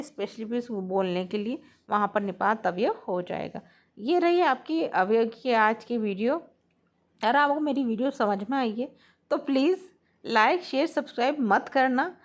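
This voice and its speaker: A woman teaching a Hindi grammar lesson to students, explaining patiently and often checking that they follow. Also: a little high.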